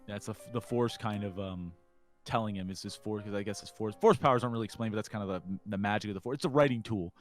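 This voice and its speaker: A man's voice: lowish voice, soft background music. A man co-hosting a podcast, recapping a film in casual chat, rambling and acting out characters' lines. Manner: rambling, acts out film lines in quick impressions. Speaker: podcast co-host.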